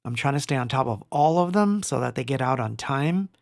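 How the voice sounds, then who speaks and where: Man, middle-aged, from Argentina, livestream host, rambling casual chat, gravelly, dry close sound. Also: mid-range voice, lively intonation, a little fast, no echo. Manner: rambling, reads chat names aloud, laughs often. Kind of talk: casual live-stream chat. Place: home studio.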